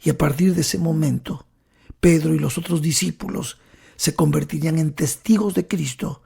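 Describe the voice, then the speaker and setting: A man preaches a sermon, narrating the story dramatically and frequently sinking to a hushed whisper as he addresses the listener directly. His voice is highish, creaky and husky, at a normal pace.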